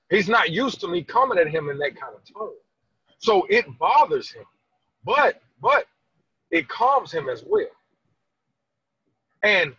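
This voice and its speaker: A man with a high, lively voice speaks earnestly about fatherhood, his tone husky and slightly breathy. He stammers and restarts as he presses his points. The recording is dry and a little dull. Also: no room sound. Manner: earnest, emphatic, lots of restarts and stammered repeats. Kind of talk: candid conversational interview.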